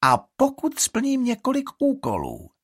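A man's voice: extremely high pitch, huge pitch swings, fairly bright tone, husky, dry recording, clean studio sound, voice pushed up, exaggerated voice. A man voicing a sly, scheming young girl in an audiobook, wheedling and then scornful. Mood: explaining.

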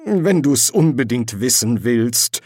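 A man voicing a fussy, anxious, soft-hearted male angel who hesitates and stammers in an audiobook reading. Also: on the high side, wildly swooping pitch, unhurried, slightly rough, dry recording, studio quality, pitched above the performer's own voice, heavily acted. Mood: defiant.

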